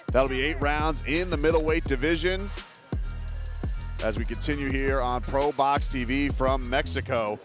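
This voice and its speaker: A man calling a boxing broadcast as play-by-play commentator, summing up and handing over. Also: mid-range voice. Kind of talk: live sports broadcast commentary.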